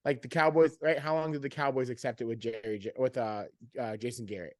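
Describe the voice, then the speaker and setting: A man co-hosting a casual sports podcast, talking in an animated, rambling way and often cutting himself off. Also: mid-range voice, a little fast, dry recording, clean studio sound. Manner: animated, rambling, self-interrupting. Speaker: podcast co-host.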